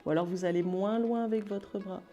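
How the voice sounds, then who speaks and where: A French fitness coach leads a cardio boxing workout, firing off brisk, punchy cues for the moves while training along, and she is sometimes out of breath. Her voice is medium in pitch and dark in tone, with fairly even intonation. The recording is muffled, and faint music plays in the background.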